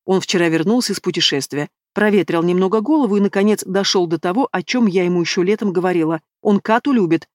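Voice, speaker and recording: A brash, bossy young woman who is sure of herself and quick to take offence, as a woman reads her in a fantasy audiobook. Dry, close sound. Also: fairly low pitch, no room sound, close to an everyday voice. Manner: brash, indignant.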